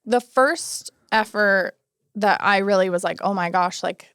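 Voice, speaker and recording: A woman in her early thirties speaks as a podcast guest, her voice smooth and clear. She tells her story casually and acts out what people said. The sound is dry and close, with no room in it. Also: medium pitch, unhurried, dry recording. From Alaska, United States. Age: 30s. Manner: storytelling, animated quoted asides. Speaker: guest, city housing and homelessness coordinator. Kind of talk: casual interview conversation.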